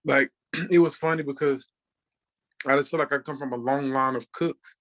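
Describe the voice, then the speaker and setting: Guesting on a podcast, a Texan chef in his thirties shares personal stories in a relaxed, conversational way. His mid-range voice is a bit bright and steady in tone. He keeps a moderate pace.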